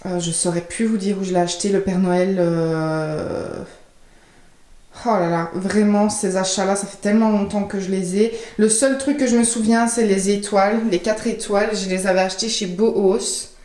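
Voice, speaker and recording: A young woman walks through her home, showing things in a chatty, unscripted way. Her voice sits at an ordinary middle pitch, and she pauses now and then to find a word. The sound carries a roomy echo, as in a bare room at home. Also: fairly even intonation, a little mellow. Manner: chatty, often searching for words while showing things. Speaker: home decor vlogger. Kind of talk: casual house tour. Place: indoors at home, walking room to room.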